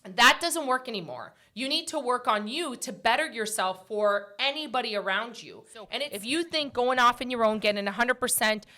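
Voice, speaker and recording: A woman's voice: fairly high pitch, animated, normal speed, hardly any pauses, bright, forceful tone. A woman in her forties hosting a casual motivational talk show. She speaks emphatically, repeats her points and often ends with "right?". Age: 40s. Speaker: podcast host.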